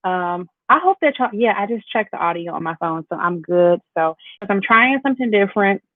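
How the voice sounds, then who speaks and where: Brisk and expressive, a medium-pitched woman keeps up cheerful, casual chat with viewers while hosting her beauty livestream. Her AirPods give the stream a tinny, phone-like sound without any room echo.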